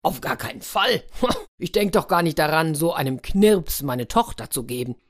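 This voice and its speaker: A woman's voice: deep voice, expressive, normal speed. Proud ruler, blustering, indignant, storybook figure, woman voicing. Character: proud ruler of the land, adult man.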